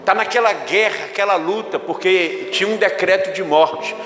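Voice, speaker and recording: A man's voice: high voice, moderate pace, fairly bright tone. A Brazilian male pastor preaching a dramatic sermon, calling the congregation to repeat after him. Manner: dramatic, call-and-response preaching. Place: church hall. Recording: echoey hall with music behind.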